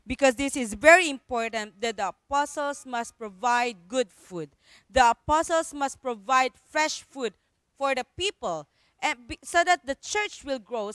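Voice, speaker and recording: A woman's voice: high voice, fairly bright tone, clear, resonant tone, no room sound. A woman pastor with a Filipino accent giving an earnest devotional Bible teaching, repeating her key phrases and mixing in Tagalog.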